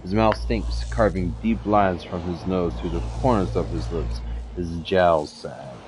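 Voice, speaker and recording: A man's voice: sits low, measured pace. A man playing through a role-playing game, reading its narration aloud with small stumbles and offhand asides. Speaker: let's play gamer. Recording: audible background noise.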